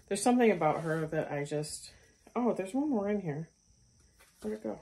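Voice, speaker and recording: A woman's voice: medium pitch, lively intonation, moderate pace, warm tone, husky. A middle-aged woman hosting a stitching vlog, chatting casually about her craft purchases with frequent ums and restarts. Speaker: craft channel host.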